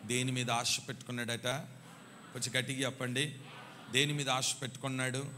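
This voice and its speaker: A male pastor preaches to his congregation in a hall with a long, ringing reverb. His voice sits at an ordinary middle pitch. He repeats phrases for emphasis and presses the crowd to call back louder. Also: level tone, fairly quick, a little hiss or hum. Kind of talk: sermon. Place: church hall.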